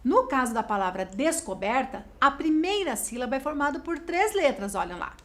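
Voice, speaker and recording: A Brazilian woman teaching a video lesson to schoolchildren, explaining slowly and spelling out words clearly. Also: high voice, sing-song, fairly bright tone. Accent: Brazilian Portuguese.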